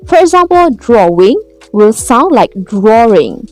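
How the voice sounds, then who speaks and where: Mellow-voiced woman reading a class presentation. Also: medium pitch, animated, unhurried, faint music behind. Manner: reads a prepared script carefully. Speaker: student presenter. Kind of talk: read-aloud class presentation.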